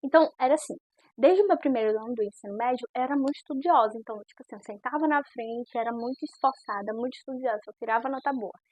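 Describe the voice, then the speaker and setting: Husky-voiced young woman. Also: fairly high pitch, quick pace, darkish tone, dry recording, highs cut off. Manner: earnest, chatty storytelling. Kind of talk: personal faith testimony.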